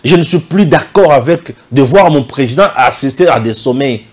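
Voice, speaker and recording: A man's voice: mid-range voice, animated, normal speed, breathy edge. A man from DR Congo with a Congolese French accent, giving indignant political commentary full of rhetorical questions. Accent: Congolese French, Kinshasa.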